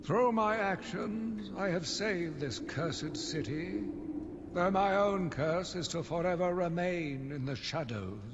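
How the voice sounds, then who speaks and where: A man's voice: high-pitched, expressive, takes it slowly, noisy background. An actor voicing a solemn male ghost of an old asylum, grave and declamatory. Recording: reverberant game audio with clear ambience.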